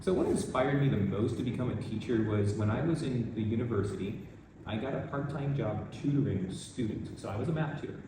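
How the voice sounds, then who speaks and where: A man from the United States, an older math teacher, answering interview questions in a relaxed, rambling way with many restarts. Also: medium pitch, noisy background. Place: school in Vietnam. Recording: echoey room, distant mic, music behind.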